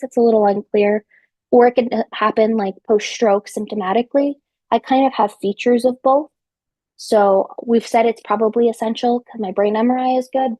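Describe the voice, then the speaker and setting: Her voice sits fairly high and sounds warm, with no echo in the recording. She's in her twenties, from central New Jersey, and is a podcast guest chatting through her story in a casual way, full of ums and likes with a few technical terms mixed in.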